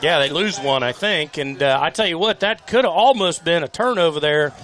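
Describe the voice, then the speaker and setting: Brief: male color analyst, high bright voice, folksy and chatty, small-town sports booth. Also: animated, a little fast. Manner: folksy, chatty, homespun expressions. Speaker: color commentator. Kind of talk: live sports commentary.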